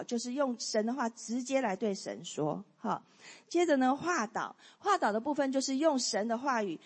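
In a hall with long reverb, a woman whose voice is on the high side, darkish and husky leads a church lesson on prayer. She guides group reading point by point, frequently filling with "好" and "哈."

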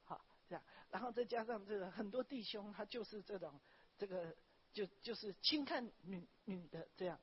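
A woman pastor, preaching a sermon and telling personal stories in an animated way, often tagging her phrases with a small "ha". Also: medium pitch, moderate pace, husky. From Taiwan. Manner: animated storytelling, frequent "ha" tags, wraps points with "okay, like this". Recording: dull lo-fi recording.

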